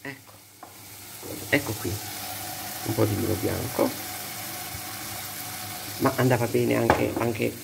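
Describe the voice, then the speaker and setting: Hoarse, gravelly older woman vlogging. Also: rumbling low, slow pace, long pauses, noisy background. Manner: rambling, self-interrupting, frank. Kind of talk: casual chat. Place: home kitchen, cooking. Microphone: handheld phone.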